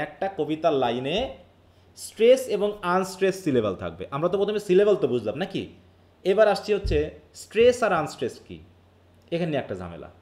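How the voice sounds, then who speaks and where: A man's voice: high-pitched, a little mellow. A man from Bangladesh teaching English literature in a live online class. He explains step by step, mixes English terms into his speech and keeps quizzing his students.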